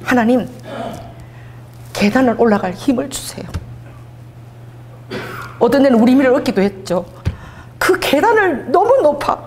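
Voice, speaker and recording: A middle-aged woman pastor giving a sermon as a personal testimony, telling her story with animated storytelling and acting out the people she quotes. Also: sits high. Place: church sanctuary.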